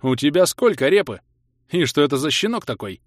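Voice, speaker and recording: A man's voice: a little high, sing-song, brisk, no echo, studio quality, pitched above the performer's own voice. A man voicing a blunt, impatient male game player working as a merchant.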